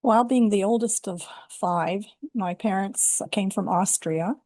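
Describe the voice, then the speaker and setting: Older woman with a gravelly, mellow voice. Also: mid-range voice, slow, no room sound, studio quality. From Canada. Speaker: guest, women's life coach. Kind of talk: personal storytelling in an interview.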